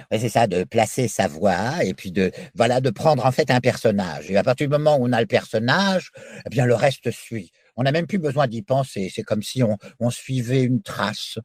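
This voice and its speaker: Male voice actor from France, mellow tone, chatty and animated, dry studio sound. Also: medium pitch, normal speed, no room sound. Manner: animated, talkative, explains with examples. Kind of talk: radio interview. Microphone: studio microphone.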